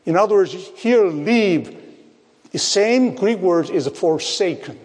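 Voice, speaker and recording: A man preaching a sermon, speaking slowly, repeating phrases and asking his listeners rhetorical questions. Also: sits high, lively intonation, a little mellow. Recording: long hall reverb.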